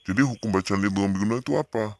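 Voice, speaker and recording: A young man giving a casual lesson on recitation rules, hesitant with many pauses, drawing out his example readings slowly. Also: fairly low pitch. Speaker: Quran recitation teacher.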